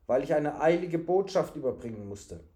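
A young messenger speaks calmly and earnestly in a storybook tale, voiced by a man reading aloud. He stays steady under pressure. The voice is slightly high. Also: moderate pace, close to an everyday voice. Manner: calm, earnest. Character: young male messenger, calm and honest.

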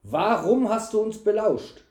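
A man voicing a rough, gruff knight who barks harsh questions. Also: on the high side, expressive, moderate pace, dark tone, close to an everyday voice. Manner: harsh and barking. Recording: echoey room.

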